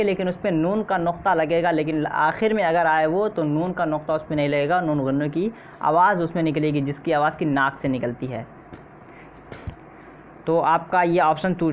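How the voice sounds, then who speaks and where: Man, teacher, exam-prep lesson, repeats questions, slightly dull recording with faint noise. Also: high voice. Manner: repeats questions and says "theek hai" often.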